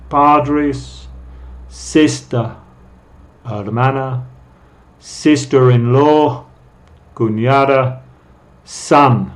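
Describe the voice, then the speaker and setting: Speaking at medium pitch, a man says English words slowly one by one and follows each with its meaning in Spanish, a vocabulary lesson aimed at Spanish speakers.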